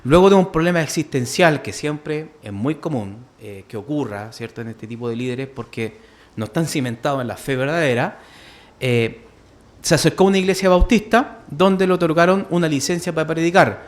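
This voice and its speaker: A man's voice: on the high side, normal speed. A man with a Chilean Spanish accent teaching a church history class, full of fillers, who keeps asking "¿cierto?" and calls his listeners "hermano". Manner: many fillers, asks "¿cierto?" often, addresses listeners as "hermano".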